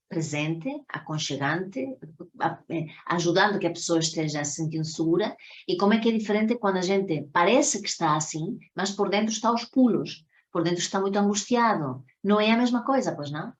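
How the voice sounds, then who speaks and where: A woman from Spain with a Spanish accent teaches an introductory online psychotherapy workshop in a didactic style, frequently checking in with her listeners. Her voice is fairly low, animated, and brisk.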